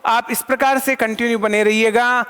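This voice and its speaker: A man's voice: extremely high pitch, steady tone, moderate pace, a bit bright, smooth. A man teaching an online lesson, asking questions and answering them himself and counting items aloud. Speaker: Sanskrit teacher. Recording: long hall reverb.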